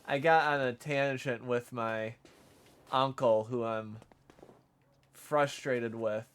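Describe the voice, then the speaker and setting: A man's voice: medium pitch, fairly even intonation, slow pace, smooth. A young man streaming as a vtuber, chatting casually while gaming, rambling with self-deprecating asides.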